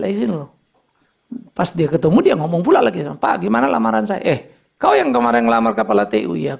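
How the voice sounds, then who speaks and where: A man's voice: high-pitched, gravelly, a little mellow, husky. A man from Indonesia preaching a sermon as pastor, mixing casual asides and acted-out dialogue into his talk.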